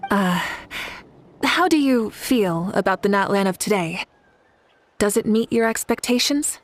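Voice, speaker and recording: A woman playing a courteous, composed young leader in a video game, speaking politely in a measured, formal way. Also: mid-range voice, animated, dry recording, lightly acted. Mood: composed, inquiring.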